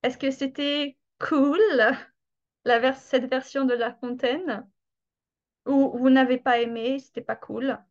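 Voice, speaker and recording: A woman teaching French in an online webinar, explaining slowly and patiently with drawn-out examples. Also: sits high, fairly even intonation, lo-fi sound.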